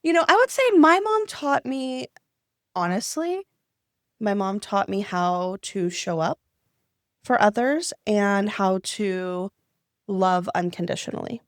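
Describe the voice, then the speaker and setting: A woman's voice: mid-range voice, animated, slow pace, dry recording, studio quality. A young adult woman co-hosting a podcast, chatting casually in a giggly, rambling way. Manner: giggly, rambling, self-mocking. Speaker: podcast co-host. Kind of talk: casual chat.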